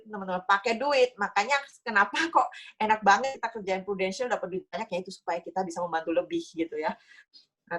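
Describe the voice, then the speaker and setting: A young woman, an insurance agent, chatting casually and motivationally to colleagues, mixing in English words and laughing often. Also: medium pitch. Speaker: insurance agent sharing her experience.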